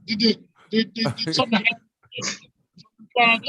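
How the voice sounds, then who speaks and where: A man's voice: extremely high pitch, fairly even intonation, brisk, pushed and bright. A man pressing repeated questions in an online debate, his voice muffled as if through a wall on a weak phone connection. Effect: muffled, as if through a wall or underwater.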